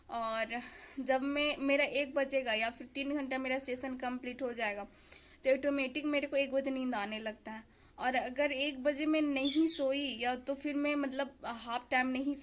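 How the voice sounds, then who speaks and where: A young woman from India chatting casually in a home vlog, rambling with fillers while she cooks and studies. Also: sits high. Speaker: vlogger, exam aspirant. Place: home kitchen and study table.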